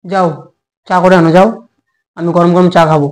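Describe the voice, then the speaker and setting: A man playing a short-tempered young husband in a comic home drama, snapping and quick to take offence. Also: sits high, flat delivery, darkish tone, lightly acted. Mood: indignant.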